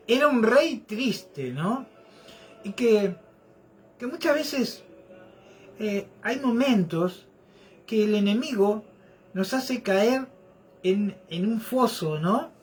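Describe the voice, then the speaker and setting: A man preaching a sermon, in a slow, halting delivery full of asides to the listeners. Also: sits high, slight background noise.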